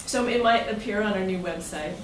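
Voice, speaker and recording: At a medium pitch and a little fast, a woman talks conversationally to her club's members. She's their president, leading a chatty, informal presentation indoors with members present. Roomy acoustics and a noisy room come through the distant mic.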